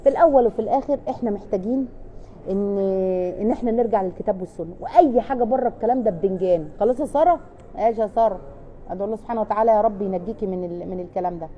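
A woman's voice: medium pitch, lo-fi sound, slight background noise. A woman with an Egyptian accent, answering viewers' questions in a casual live chat as a family counselor, chatty, with frequent restarts and emphatic repeats. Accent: Egyptian Arabic.

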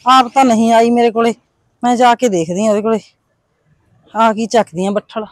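A woman's voice: fairly high pitch, steady tone, normal speed, no echo, close to an everyday voice. A woman playing a village headman's worried wife, with a Punjabi accent, complaining about her husband. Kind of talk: village comedy drama.

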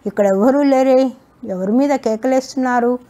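Woman reading as a clever calm young man. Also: sits high, pitched above the performer's own voice, lightly acted. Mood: sly. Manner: unhurried, coolly confident. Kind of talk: storybook reading.

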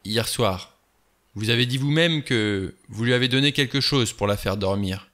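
A man's voice: mid-range voice, normal speed, fairly bright tone, lightly acted. A man voicing a blunt, suspicious ex-cop. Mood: insistent. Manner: pushy, insistent questioning.

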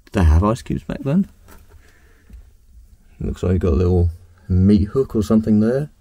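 A man with a low, mellow voice wanders through an old ruin, thinking aloud as he goes. His curious, casual narration drifts from one find to the next. He is recorded outdoors on a handheld camera. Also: animated, moderate pace, no echo. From Australia. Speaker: exploration vlogger. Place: outdoors at a ruined house.

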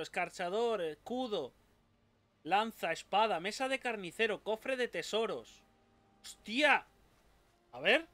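High-voiced swearing gamer. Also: male voice, no room sound. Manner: swears often, yelps and shouts when attacked. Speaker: gaming YouTuber. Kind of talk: casual gameplay commentary.

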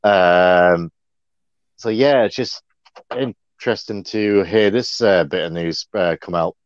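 A man with a somewhat low voice co-hosts a casual livestream, rambling along with plenty of fillers. His sound is dry and dull, like a lo-fi mic in a dead room. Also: takes it slowly, clear, resonant tone, dry recording. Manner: chatty, rambling, many fillers. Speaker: co-host.

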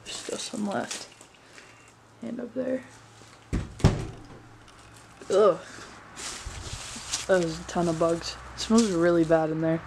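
A young woman talks casually to her camera while poking through abandoned buildings in the woods, her low voice gravelly at the edges. She rambles with fillers and quick asides. The handheld recording carries a loud bed of background noise. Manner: chatty, filler-heavy, hushed asides. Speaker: vlogger exploring abandoned places. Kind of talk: casual exploring commentary. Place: abandoned amusement park, indoors and outdoors in woods.

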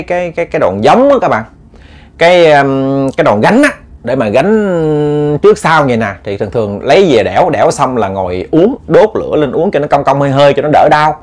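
A man telling a ghost story in a lively way, speaking straight to his listeners with many repeats. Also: a little high.

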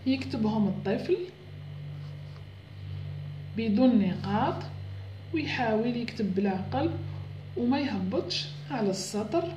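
A woman, patiently teaching first-grade letters and sounding out syllables slowly. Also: fairly high pitch, lively intonation, reverberant, highs cut off, noisy background. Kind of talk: home lesson on Arabic letters for parents.

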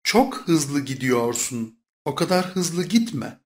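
Measured reader with lively pitch. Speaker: Turkish phrase reader. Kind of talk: scripted phrasebook reading.

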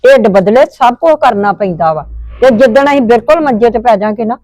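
An indignant woman with a Punjabi accent, playing a mother-in-law who scolds her family. Her voice sits a little high and sounds close and dry, with no room around it. She talks in long, reproachful runs. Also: a little fast, darkish tone, dry recording. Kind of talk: scripted family drama acting.

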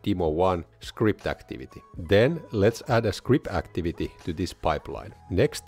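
A man giving a screen-recorded software tutorial, explaining each step in a steady, methodical way. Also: deep voice, moderate pace, breathy edge, soft background music. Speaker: tutorial creator.

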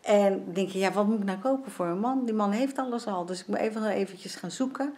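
With a medium-pitched, darkish voice, an older woman from the Netherlands talks fast in a casual home vlog. Full of fillers, she walks viewers through her sewing and cooking indoors.

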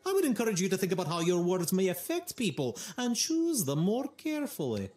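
A man's voice: a little fast, roomy sound. An actor playing a proud, touchy male painter with a lilting Scottish accent and a genial manner. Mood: offended. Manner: lilting, genial, lively swings in pitch.

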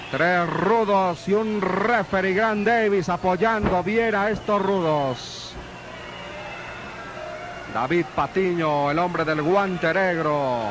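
A man with a Mexican accent doing live play-by-play as a wrestling commentator, calling moves in short emphatic bursts. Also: sits high. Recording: noisy old TV sports broadcast. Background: arena noise.

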